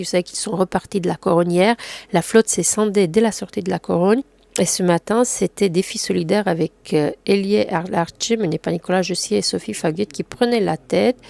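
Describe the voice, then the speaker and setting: A woman with a French accent hosting a casual sailing news roundup, talking fast with many fillers and restarts. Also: lowish voice, creaky, darkish tone, no echo. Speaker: sailing news video host.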